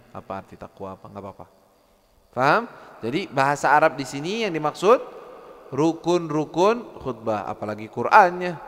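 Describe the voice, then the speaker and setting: A man giving a lively religious study lecture, acting out quotes and mumbling preachers. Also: fairly high pitch, in a large hall. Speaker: religious teacher.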